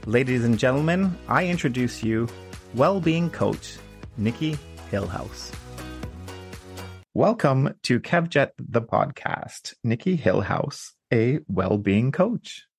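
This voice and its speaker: A man's voice: medium pitch, expressive, slow, creaky, soft background music. A man hosting a podcast interview, upbeat and introducing his guest with flourish. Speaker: podcast host.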